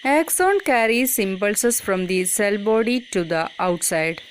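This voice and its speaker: A woman's voice: mid-range voice, animated, unhurried, slight background noise. A woman reading a scripted educational narration for a school lesson. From Kerala, India.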